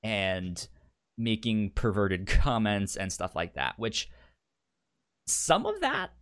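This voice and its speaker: This co-host of a book club podcast has a voice on the low side and a bit bright, with big swings in pitch as he takes things slowly. His casual chat is marked by stammering on word starts and repeated words.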